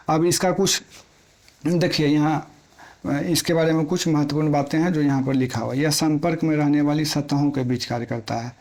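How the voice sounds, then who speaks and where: Man teaching physics, a touch high. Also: a little mellow. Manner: explains in plain everyday Hindi, repeats key points; asks questions and answers them himself. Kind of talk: exam-prep physics lesson.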